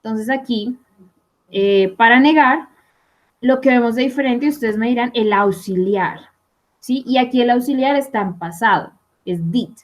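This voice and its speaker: A young adult woman gives a recorded online English lesson. Her voice sits a little high, and she talks her students through each rule with frequent rhetorical check-ins. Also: a little slow. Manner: explanatory, asks rhetorical checks like "¿listo?" and "¿sí?". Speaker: English teacher.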